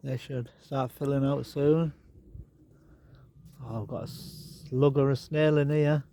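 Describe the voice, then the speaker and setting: A man with a mellow, slightly stuffed-up voice wanders around his outdoor garden and chats in a rambling, easygoing way. The sound comes from a handheld phone, with faint birdsong and outdoor noise behind him. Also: mid-range voice, takes it slowly. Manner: chatty, rambling, relaxed asides. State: nasal, stuffed up. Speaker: garden vlogger. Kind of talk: casual walk-and-talk.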